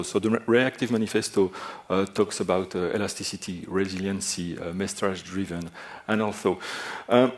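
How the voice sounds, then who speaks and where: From a large conference stage, a man with a Belgian French accent speaks into a stage microphone as he presents a technical session. His voice is slightly low, and his explanations are hesitant, broken by frequent pauses and filler sounds.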